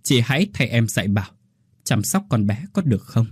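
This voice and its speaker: A man voicing a dying older woman who speaks gently and with remorse in a ghost story. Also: mid-range voice, very animated, a little fast, slightly rough, no echo, studio quality. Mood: tender. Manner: soft and tender.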